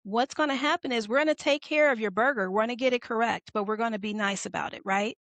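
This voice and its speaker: Brief: woman quoting an older diner grandmother, calm and soothing, slightly higher voice, dry sound. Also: fast talker, no echo. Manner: gentle, patient, soothing.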